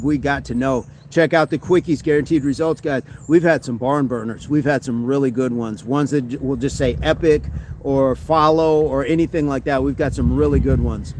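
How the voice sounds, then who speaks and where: Among the trees outside, a man with a fairly high voice leads a casual fitness livestream, reading comments from his phone and chatting cheerfully with viewers. A little hiss or hum is audible.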